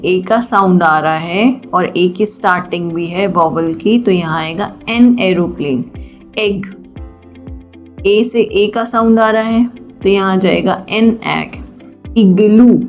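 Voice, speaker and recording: A woman teaching a children's grammar lesson, patient and deliberate, often asking questions and answering them herself. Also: medium pitch. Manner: slow and deliberate. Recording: dull lo-fi sound, faint music.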